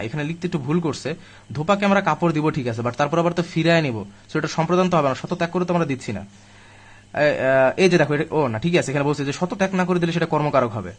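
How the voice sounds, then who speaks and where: A young man teaching a live online grammar class to admission students, chatty and direct, though weak from illness. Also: a little high. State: weak and ill, speaking slowly.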